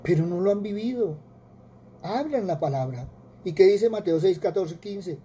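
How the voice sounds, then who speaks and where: A Colombian preacher delivers an earnest sermon in a deep, mellow voice, often repeating words and posing rhetorical questions. He is expressive and speaks at a normal speed, with a faint hiss under the recording.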